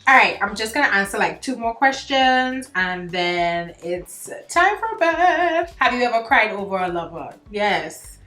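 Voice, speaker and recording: A woman from Trinidad and Tobago, chatting casually in a beauty vlog at home, expressive and full of "like" and "y'all". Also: mid-range voice, unhurried, hardly any pauses, faint music behind. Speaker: beauty YouTuber. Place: home, indoors, getting ready for bed. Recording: echoey room.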